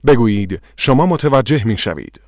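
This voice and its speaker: A man narrating a language course in slow, measured scripted instructions. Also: medium pitch, very animated, dry recording, studio quality.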